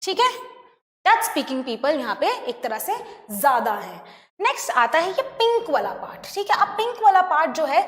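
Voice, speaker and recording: A woman teacher with an Indian accent giving an online class lecture. She mixes Hindi and English, checks in often with her students, and slows down to dictate key terms. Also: high-pitched, big pitch swings, a bit bright. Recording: roomy echo with long reverb.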